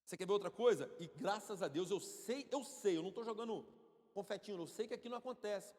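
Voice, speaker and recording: Male church elder, Brazilian Portuguese accent, high voice, animated preaching, off-mic, long church hall echo. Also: fast talker. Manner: animated preaching, acting out quoted parents. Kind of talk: Sunday school lecture sermon. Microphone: speaking without the microphone.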